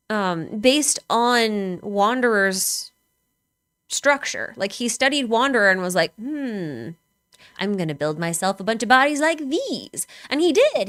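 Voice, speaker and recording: A woman's voice: mid-range voice, a bit bright, no echo, studio quality. A woman streamer in casual chat, talking speculatively with many filler words.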